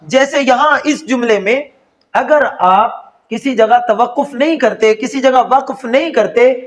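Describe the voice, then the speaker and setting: A man with a Pakistani Urdu accent teaches an online Quran lesson, and his voice sits very high. He explains patiently and slows right down to recite his examples.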